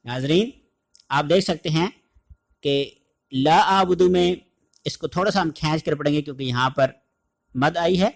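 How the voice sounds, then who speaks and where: High-voiced man teaching recitation. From Pakistan. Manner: explains letter sounds, then recites drawn out in melodic chant. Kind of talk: online lesson with slow chanted recitation.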